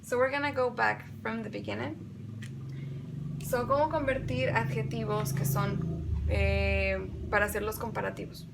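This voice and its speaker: Gravelly-voiced woman teaching grammar. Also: medium pitch, fairly even intonation, normal speed, very noisy. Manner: patient, explains step by step, repeats examples; switches between Spanish and English. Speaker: English teacher. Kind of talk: bilingual grammar lesson.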